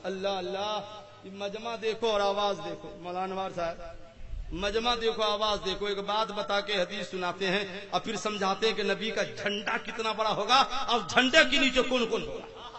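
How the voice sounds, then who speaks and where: A man's voice: high-pitched, fairly even intonation, bright, forceful tone. A man preaching to a gathering, telling stories with a chuckle and calling on listeners to chant along. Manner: call-and-response, urging the crowd to chant along; playful storytelling with chuckles. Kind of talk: Islamic sermon to a gathering. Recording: live sermon with audible crowd.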